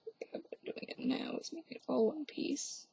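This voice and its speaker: A woman's voice: high-pitched, fairly quick, creaky, mellow, breathy edge. A young woman whispering through a hands-on craft tutorial at home, with offhand, self-mocking asides. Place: at home, quiet indoors.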